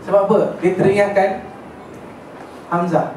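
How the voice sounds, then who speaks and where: High-voiced man lecturing in an echoey hall. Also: level tone, normal speed, darkish tone. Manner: chatty, checks in with listeners, mixes in English words. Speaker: religious teacher. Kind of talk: casual lecture storytelling. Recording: echoey hall, distant mic, faint noise.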